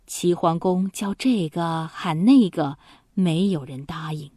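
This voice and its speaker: A woman narrates a historical tale for children at an unhurried pace. Her voice is a little husky and mid-pitched. She reads expressively, close to a dry mic. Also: no echo. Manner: slow, expressive reading. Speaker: storyteller.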